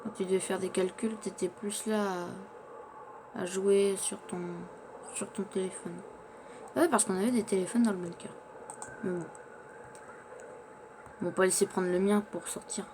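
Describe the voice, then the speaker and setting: Playing in character, a man chats through his survival game and narrates his actions, often stumbling over words. He has a high voice with a steady tone and normal speed, leaves long pauses, and there's background noise.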